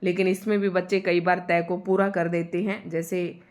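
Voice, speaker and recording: Slow, deliberate woman teacher sounding out syllables. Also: lowish voice, flat delivery. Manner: patient explaining, repeats key words. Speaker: Hindi teacher. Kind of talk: spoken spelling lesson for exam students.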